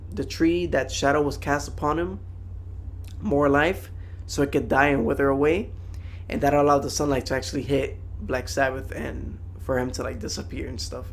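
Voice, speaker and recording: A man's voice: fairly high pitch, fairly even intonation, moderate pace, creaky. A young man giving a casual, slangy, rambling anime review to viewers.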